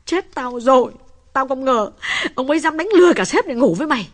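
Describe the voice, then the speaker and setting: A man reading an audiobook voices an anxious young wife who talks in rapid, shrill outbursts. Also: lively intonation, pushed and bright, full character voice. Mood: panicked. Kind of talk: audiobook character voice.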